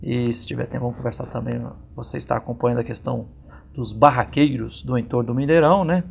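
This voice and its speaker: Brazilian guy from minas gerais hosting a community tv interview, gravelly voice, slow and rambly. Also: mid-range voice, steady tone, a little hiss or hum. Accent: Brazilian Portuguese, Minas Gerais. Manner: slow, meandering, with many pauses and fillers. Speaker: TV program host and interviewer.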